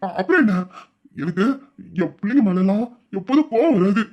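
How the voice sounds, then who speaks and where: A man doing a gentle, soothing old father. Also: high voice, animated, fairly quick, muffled recording. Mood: soothing, fond. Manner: warm, soothing, reassuring with hesitant fillers. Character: gentle, loving older father comforting his son. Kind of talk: audio drama acting.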